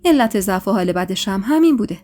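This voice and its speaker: A woman's voice: medium pitch, lively intonation, mellow, soft background music, lightly acted. A woman voicing a kind village nurse who speaks in a friendly, matter-of-fact way.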